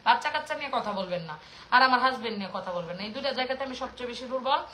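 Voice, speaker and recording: Fast, bright-voiced indignant Bangladeshi woman. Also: a little high, expressive, slight background noise. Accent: Bangladeshi Bengali, Mymensingh. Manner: passionate, indignant, scolding. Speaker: vlogger speaking to her audience. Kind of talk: casual spoken rant to viewers.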